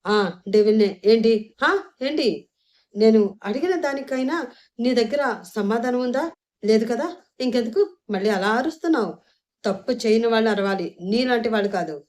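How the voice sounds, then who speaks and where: A woman voicing an angry, domineering young man who shouts accusations in an audio story. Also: a little high, moderate pace, voice pushed up, close to an everyday voice. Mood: furious.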